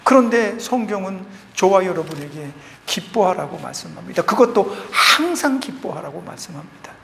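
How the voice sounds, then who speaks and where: A man's voice: high-pitched, big pitch swings, normal speed, creaky, pushed and bright. A man preaching a sermon as pastor, his voice rising and falling with emotion. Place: church sanctuary. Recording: church hall reverb, faint room noise.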